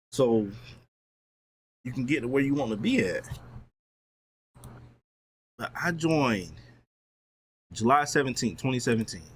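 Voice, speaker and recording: Lively young man giving a motivational talk. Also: mid-range voice, slight background noise. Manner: casual, lively, talks to chat with slang. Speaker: streamer.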